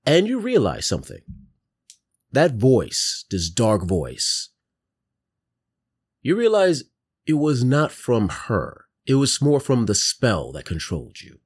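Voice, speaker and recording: A man's voice: mid-range voice, huge pitch swings, slow pace, pauses often, husky. A man narrating descriptively as game master of a tabletop game.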